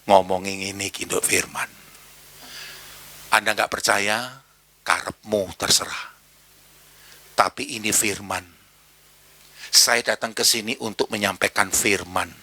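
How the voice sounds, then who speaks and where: A pastor with an East Javanese accent preaches an animated church sermon, acting out voices and slipping into Javanese slang. He speaks slowly in a lowish voice with long pauses, and there's no room sound.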